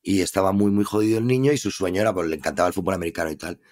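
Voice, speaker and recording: A man's voice: low-pitched, rapid-fire, darkish tone. A man with a Spain Spanish accent, a podcast guest telling his story in earnest, reflective casual conversation.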